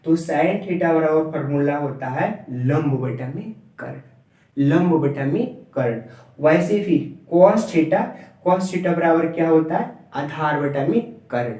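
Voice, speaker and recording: Echoey maths teacher drilling terms. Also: male voice, on the high side, dark tone. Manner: repetitive drilling, spelling terms out letter by letter. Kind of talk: classroom maths lesson. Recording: echoey room, voice far from mic.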